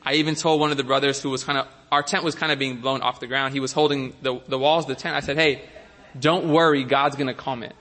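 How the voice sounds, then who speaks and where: Bright-voiced man telling a faith story. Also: medium pitch, steady tone, in a large hall. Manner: casual, self-deprecating, halting restarts. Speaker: testimony speaker. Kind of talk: faith testimony talk.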